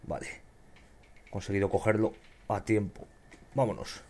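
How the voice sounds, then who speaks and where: A young man with a Spain Spanish accent commenting on his gameplay, excitable and swearing often as he shouts at enemies. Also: on the low side, normal speed. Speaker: gamer.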